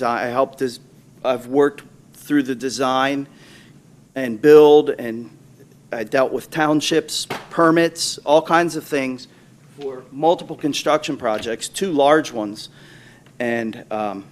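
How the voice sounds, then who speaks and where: A middle-aged American man answering interview questions off the cuff at a meeting, halting and correcting himself. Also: medium pitch. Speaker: candidate being interviewed for a school board. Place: public board meeting room.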